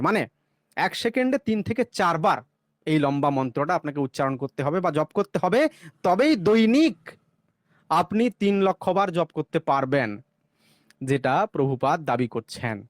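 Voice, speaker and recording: A man's voice: on the high side, sing-song, moderate pace, no echo, clean studio sound. A man explaining arithmetic in a sarcastic monologue, now and then chanting a mantra between the sums. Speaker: religious commentator.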